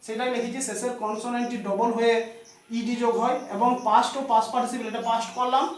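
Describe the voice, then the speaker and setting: A man's voice: very high voice, level tone, fast talker. A male teacher giving a classroom grammar lesson, spelling words out letter by letter and often checking in with "okay?". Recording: echoey room, voice from far off.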